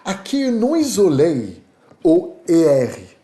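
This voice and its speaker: A native French man with a French accent teaches in an animated, lively voice that sits a little high. The sound carries a noticeable room echo. He checks in constantly with his students as he explains. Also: slow pace. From Paris, France. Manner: animated, repeats "tá?" to check understanding. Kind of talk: online language lesson.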